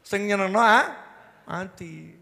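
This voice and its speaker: Javanese male preacher, slightly high and gravelly, playful storyteller, echoing hall. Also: takes it slowly, pushed and bright. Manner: jokey, acts out little scenes, slips into Javanese. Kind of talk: lively religious talk to a congregation. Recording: long hall reverb.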